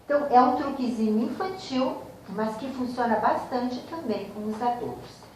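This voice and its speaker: A woman teacher talks her students through a grammar lesson, unhurried and explaining each step. Her voice sits on the high side. It rings around a very echoey room, picked up from a distance. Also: a little hiss or hum. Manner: slow, explanatory, addresses students directly.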